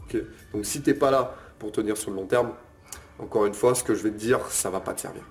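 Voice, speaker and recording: A man's voice: fairly low pitch, brisk, faint music behind. A young man, a fitness coach, casually explaining bodybuilding methods to the viewer with frequent fillers and check-ins. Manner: informal, addresses viewer as tu, frequent "ok?" and "euh". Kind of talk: casual bodybuilding lesson to camera.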